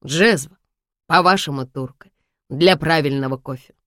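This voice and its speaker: A woman reading an audiobook voices a calm, gently teasing young man who speaks matter-of-factly. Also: low voice, moderate pace, no room sound, studio quality.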